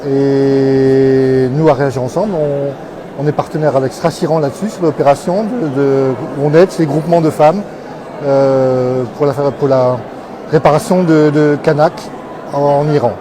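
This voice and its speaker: A man, co-president of an association, answering interview questions in a halting, self-correcting way. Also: a little high, fairly even intonation, background noise. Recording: crowd chatter behind.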